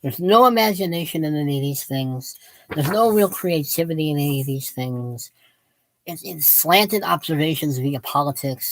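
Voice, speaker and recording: This book vlogger's voice sits low, and the poor audio carries no room sound. She is in her late fifties, chatting casually with her viewers, offering strong opinions on books and wandering off on self-mocking tangents.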